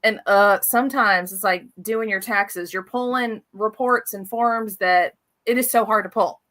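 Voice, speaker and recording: A woman's voice: medium pitch, unhurried, fairly bright tone. A woman hosting a casual interview, upbeat and playful as she steers the conversation over a video call. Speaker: show host.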